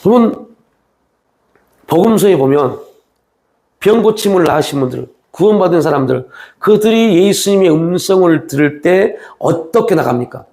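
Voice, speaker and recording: A man preaching a sermon as a pastor, moving between raised, pressing appeals and low, hushed lines. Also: animated, moderate pace. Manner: acts out quoted speech of Jesus and the young man.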